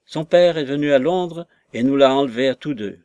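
A man's voice: mid-range voice, moderate pace, a little mellow, clear, resonant tone, no echo, highs cut off, natural voice. A man voicing a distraught lady's maid, a woman who wails and pities herself in a raised, plaintive voice. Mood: lamenting.

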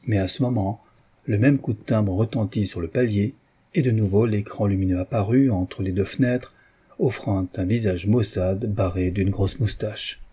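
Male audiobook narrator, measured storytelling, dark mellow tone. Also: on the low side, slightly rough. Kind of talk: scripted narration.

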